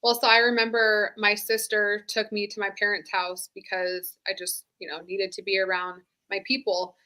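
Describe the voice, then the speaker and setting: Speaking at a moderate pace with a flat, medium-pitched delivery and a sharp tone, a former sheriff's deputy in her thirties shares her own story as an interview guest. She's candid and conversational, leaning heavily on "like" in this casual storytelling.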